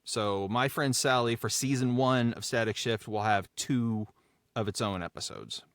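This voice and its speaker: A man's voice: medium pitch, moderate pace, a bit bright, clean tone, dry recording, studio quality. A man chatting casually and enthusiastically as a podcast creator, effusive and repeating phrases for emphasis. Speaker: show creator and writer. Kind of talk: casual behind-the-scenes podcast talk.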